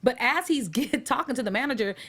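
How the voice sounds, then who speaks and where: A woman with a fairly high voice talks fast, spinning a long anecdote for her co-hosts. She laughs often and acts out the other people in her story. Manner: animated, laughing while telling a dating story. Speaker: comedian co-host. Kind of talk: storytelling in a comedy panel chat.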